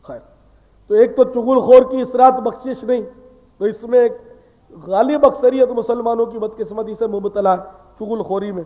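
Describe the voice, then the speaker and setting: A man's voice: very high voice, fairly even intonation. A man giving a sermon, talking in an earnest, conversational way that lectures and asks rhetorical questions. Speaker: preacher. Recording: tinny phone-like sound with long hall reverb.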